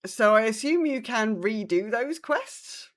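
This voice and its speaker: A woman with a fairly high voice and lively intonation hosts a podcast at an unhurried pace. She chats casually about her week of gaming, acting out her reactions as she retells events.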